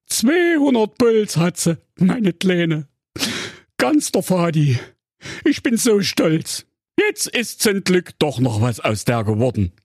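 Brief: man plays a blustering fairy-tale king, lively swings, dry sound. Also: sits high, slow pace, slightly rough, dry recording, pitched above the performer's own voice, exaggerated voice. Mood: sentimental. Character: portly choleric old king.

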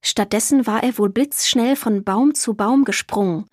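A woman narrating a children's audiobook in a lively, expressive manner. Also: a little high, moderate pace, slightly rough, dry recording, studio quality.

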